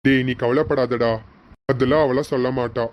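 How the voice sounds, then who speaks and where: A man voicing a protective older brother in a homemade serial, speaking slowly and reassuringly. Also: mid-range voice, fairly even intonation, natural voice.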